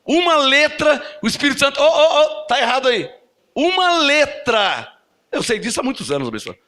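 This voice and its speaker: A man with a Brazilian Portuguese accent preaching a sermon to a congregation, animated and often asking them questions. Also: extremely high pitch, moderate pace. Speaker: apostle preaching. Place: church service.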